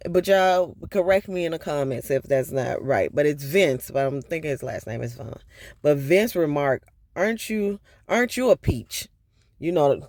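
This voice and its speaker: A man recaps a book chapter in a loose, chatty vlog style. His voice sits fairly high for a man and is recorded close and dry, with no room sound around it. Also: a little mellow, no echo. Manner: chatty, loose retelling with frequent laughs and asides. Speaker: book review vlogger.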